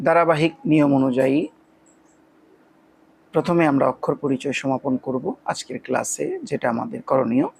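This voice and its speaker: A man teaching Quran reading, explaining step by step and slowly chanting letters and syllables in drills. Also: on the high side, vocal fry, husky. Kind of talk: spoken lesson with slow recitation and spelling drills.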